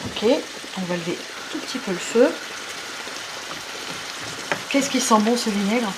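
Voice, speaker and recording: A woman's voice: medium pitch, a little slow, noisy background. Chatty woman hosting a cooking lesson. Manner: chatty, homely, explains each step. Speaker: cooking channel host. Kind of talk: cooking demonstration. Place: home kitchen.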